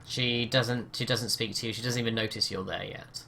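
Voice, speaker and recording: A man's voice: medium pitch, steady tone, normal speed, vocal fry, sharp tone, a little hiss or hum. A man narrating as game master of a tabletop game, hesitant and full of "um" and "sort of" fillers.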